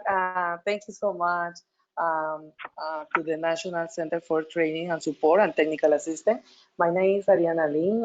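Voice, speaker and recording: A woman from Peru with a Peruvian Spanish accent, speaking as a panelist over a video call, halting, with frequent restarts and repeated words. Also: deep voice. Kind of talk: panel talk. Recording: dull lo-fi call audio.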